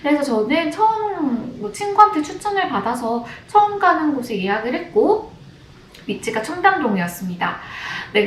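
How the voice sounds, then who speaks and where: A young woman, a former announcer job seeker, calmly tells a personal story in a measured way to her vlog audience. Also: high voice, a little hiss or hum. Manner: calm, measured, with occasional restarts. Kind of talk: casual personal storytelling to camera. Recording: roomy room with faint ambience.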